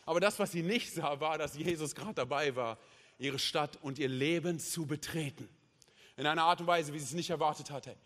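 A male pastor preaching at a church service in an impassioned way, swinging between loud and hushed and tagging his sentences with "hey" and "oder?". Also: on the high side, brisk. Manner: peppers speech with "hey" and "oder?" tags. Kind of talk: sermon. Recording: long reverb of a large hall.

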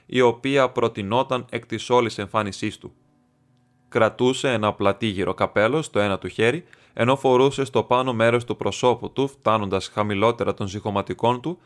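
A man narrating a classic detective story as an audiobook reader, in a steady reading voice. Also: lowish voice.

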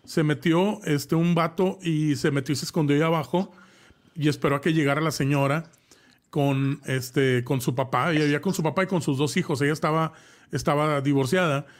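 A man's voice: a little high, fairly even intonation, fairly quick. A man, co-hosting a live talk show and casually telling a horror story, rambling with lots of fillers and restarts and tossing in slang. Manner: chatty, addresses co-host directly with slang.

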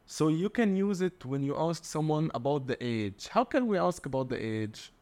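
A man's voice: a little high, animated, normal speed, darkish tone. A man with an Egyptian Arabic accent, teaching in a conversational lesson, explaining words didactically with repetition and translated examples. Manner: didactic, repeating key words and translating them.

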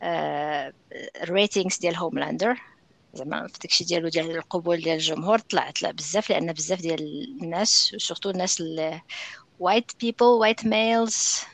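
A man with a Moroccan accent hosting a casual TV recap, speaking in halting phrases with pauses. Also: a little high, creaky, fairly bright tone. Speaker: podcast host.

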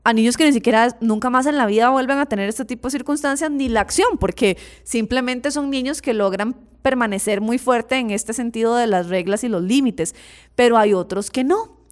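A woman's voice: a little high, normal speed. A woman hosting a parenting advice program, speaking straight to her listeners and repeating words for emphasis. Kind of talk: direct-to-audience advice talk.

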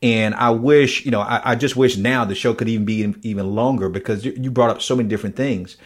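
A man hosts an interview show and recaps his guest's points in an earnest, eager way. He often repeats words as he talks, and his voice is husky and somewhat breathy at a mid pitch. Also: fairly even intonation, fast talker. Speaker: podcast host. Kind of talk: conversational interview.

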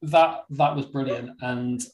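A man's voice: medium pitch, steady tone, slow, dull audio, crowd noise. A man, a podcast guest, rambling casually and tipsily over a video call. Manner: rambling, tipsy and laid-back. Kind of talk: casual chat. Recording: roomy echo.

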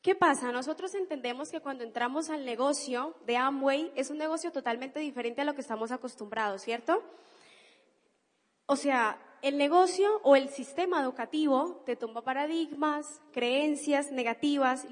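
Woman, Colombian accent, high voice, enthusiastic, emphatic, motivational business speech, echoing convention hall. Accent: Colombian (Cali). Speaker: business speaker. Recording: reverberant hall.

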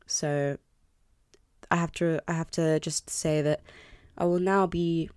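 A woman's voice: low-pitched, fairly even intonation, slow, a little mellow, clear, resonant tone, no room sound, clean studio sound. A woman in her early twenties hosting a solo podcast, talking candidly and apologetically with a self-deprecating, confessional manner. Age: early 20s. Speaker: podcast host. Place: bedroom. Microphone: close podcast microphone.

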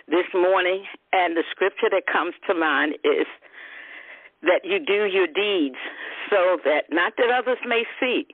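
A man's voice: on the high side, no echo. A man calling in, speaking earnestly and thankfully, quoting scripture. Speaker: caller. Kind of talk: phone call-in. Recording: dry phone line.

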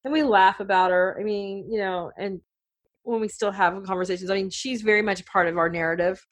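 A woman's voice: medium pitch, fairly even intonation, fairly quick. A middle-aged woman co-hosting a radio talk show, telling family stories in a chatty way with lots of fillers. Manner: chatty, storytelling, many fillers. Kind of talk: casual chat.

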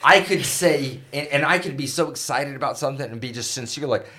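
A man co-hosting a casual group chat, animated and mimicking friends with big swings of voice. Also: medium pitch, brisk. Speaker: podcast co-host.

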